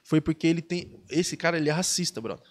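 Speaking fast in a fairly high voice, a Brazilian surfer appears as a guest on a podcast and tells a story. His speech is casual and slangy, animated, and he acts out the quoted dialogue.

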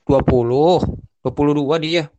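A man's voice: on the high side, fairly even intonation, unhurried, a little mellow, lo-fi sound, slight background noise. A young man chatting casually as a podcast co-host, in informal slang with many restarts and bits of English. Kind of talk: casual chat.

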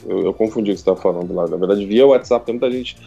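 Fast-talking man explaining, dark tone. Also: fairly low pitch, creaky, slightly rough, lo-fi sound, faint music behind. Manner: explanatory, fast with many restarts. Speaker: guest expert on chatbots. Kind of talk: casual panel chat.

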